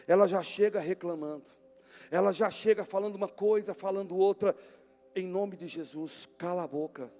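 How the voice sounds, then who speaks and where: A man preaching a sermon as pastor, emphatic, swinging between near-shouts and hushed tones. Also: high voice, normal speed. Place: church hall. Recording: long church-hall reverb with music behind.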